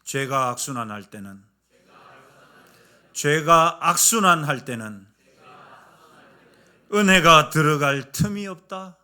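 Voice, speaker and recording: A male pastor preaching a sermon with humorous stories, animated and questioning the congregation. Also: a little high, slow, pauses often, clean tone.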